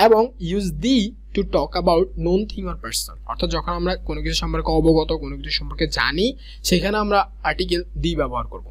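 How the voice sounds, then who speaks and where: A young man teaching a grammar lesson, explaining step by step and reading English examples slowly. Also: fairly high pitch. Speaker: grammar tutor.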